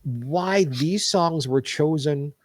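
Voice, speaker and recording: A man talking as a podcast guest in a casual interview, animated and opinionated as he tells stories. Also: fairly high pitch, takes it slowly, no room sound, studio quality. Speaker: podcast guest, show business historian.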